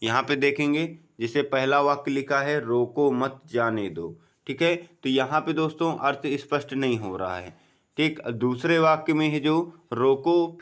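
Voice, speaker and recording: A man giving an exam-prep grammar lesson, slowly explaining, asking and answering his own questions, often saying "okay" and "friends". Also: a bit bright, clear, resonant tone. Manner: drops low on the answer words. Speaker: teacher.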